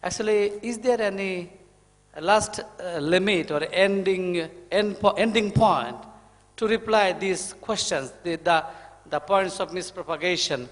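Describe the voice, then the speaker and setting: Formal Bangladeshi man, high voice. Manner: formal, measured with fillers. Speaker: audience member, NGO chairman. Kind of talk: conference Q&A question. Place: large conference hall. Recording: reverberant conference hall.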